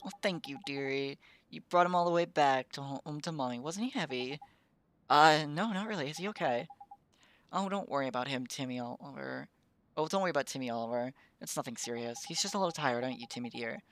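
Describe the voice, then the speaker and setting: A player voicing a fussy, doting older woman who coos softly over her cat. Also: mid-range voice, a little fast, no echo, pitched above the performer's own voice, natural voice. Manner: doting, cooing, soft.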